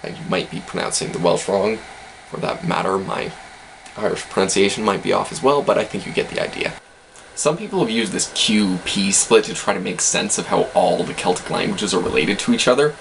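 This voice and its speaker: A man's voice: deep voice, brisk, gravelly, noisy background. A man casually explaining language facts in an educational video, hedging with self-deprecating asides.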